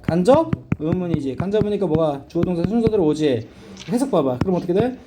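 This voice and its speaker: A man's voice: sits high, very animated, background noise. A middle-aged man teaching an English reading lesson, blunt and casual, constantly asking his students whether they understand. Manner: checks understanding constantly with quick questions. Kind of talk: classroom lecture.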